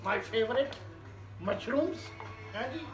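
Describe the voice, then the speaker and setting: Over music, a man with a very high-pitched, expressive voice talks in an unhurried way. He's a Punjabi-accented home cook vlogger, rambling, joking and switching between languages as he chats casually in his small indoor kitchen. The audio is echoey, with the camera roughly arm's length to a metre from him.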